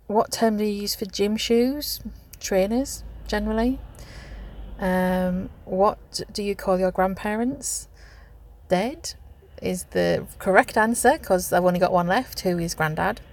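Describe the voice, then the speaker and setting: A woman with a lowish, gravelly voice and a Northeast English accent chats casually from her car, dropping in plenty of hesitant ums. She's a vlogger from Northeast England taking on an accent challenge.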